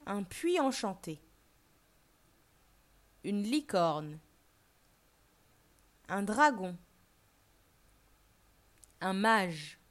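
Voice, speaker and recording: A French teacher with a medium-pitched voice reads aloud slowly, clearly and deliberately, with plenty of expression. It's a storybook narration combined with a vocabulary lesson.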